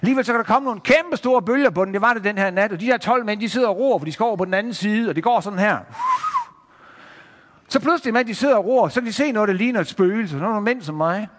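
A man telling a Bible story to children, lively, showing pictures and addressing the listeners directly. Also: high-pitched, in a large hall.

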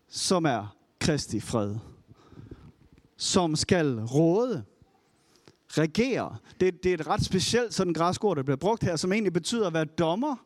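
A man with a fairly high voice preaches a sermon in a relaxed, conversational way. He slips into animated storytelling when he retells a Bible story. The recording is dry and close, with no room sound. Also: no echo.

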